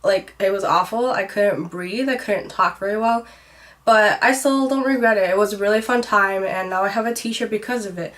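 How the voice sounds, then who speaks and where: A woman's voice: mid-range voice, moderate pace, a bit bright. A young woman with a stuffy, nasal voice from a cold, chatting casually through a favorites vlog, with plenty of rambling "like"s. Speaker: beauty vlogger.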